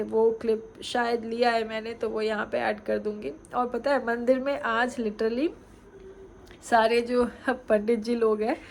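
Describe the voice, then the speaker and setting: A young woman with a cold and a sore throat chats casually to her camera at home at night, vlogging like a fond, talkative mother. Her voice sits a little high with a darkish tone, and there's slight background noise.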